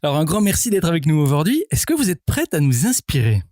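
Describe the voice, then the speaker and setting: A man's voice: on the high side, wildly swooping pitch, fast, warm tone, no room sound, clean studio sound. A man hosting a business podcast interview, enthusiastic and upbeat in his questions. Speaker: podcast host.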